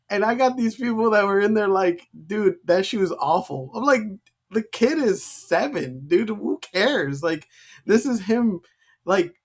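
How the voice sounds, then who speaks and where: A man co-hosting a podcast as a special education teacher, chatting casually and laughing often. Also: high voice. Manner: laughs often, quick chatty delivery with restarts.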